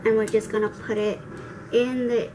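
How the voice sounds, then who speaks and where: A woman's voice: a little high, level tone, moderate pace, background noise. A young adult woman chatting casually through a makeup tutorial, saying r like w, with playful, self-deprecating, slangy asides. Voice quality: soft r sounds, r said like w. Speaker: makeup vlogger. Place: indoor room with cloth backdrop, seated before camera.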